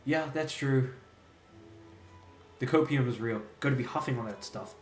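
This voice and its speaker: With soft music in the background, this young Australian streamer talks at normal speed in a mid-range voice. The chat is casual and rambling, he's easygoing and amused at himself, and the space sounds echoey.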